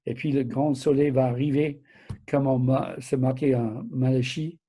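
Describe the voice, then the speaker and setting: A man's voice: mid-range voice, steady tone, normal speed, warm tone, slightly rough. An older man, sixties or above, with a mixed southern French and American accent, teaching the Bible informally in slightly broken, hesitant French, often correcting himself and checking in with listeners. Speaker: preacher.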